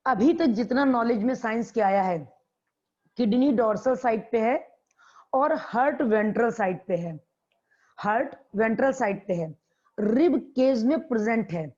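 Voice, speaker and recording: A woman's voice: a little high, animated, a little slow, darkish tone. Woman biology teacher with a dull lo-fi sound. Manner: repeats key terms and quizzes students. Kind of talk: classroom lecture. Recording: dull lo-fi classroom recording.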